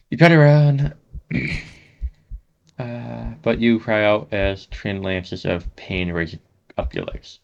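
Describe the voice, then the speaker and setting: A man reading a horror text game aloud as a gaming host, saying the sound effects out loud as he goes. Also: on the low side, vocal fry, dull audio. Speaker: gaming YouTuber.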